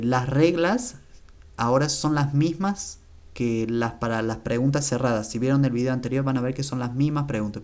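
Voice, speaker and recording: A man with a mid-range voice gives an online language lesson. He explains things patiently and slows right down to repeat each example word with care, lifting his voice on the words he wants remembered. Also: medium pitch, darkish tone. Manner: slow, careful repetition of example words. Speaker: language teacher.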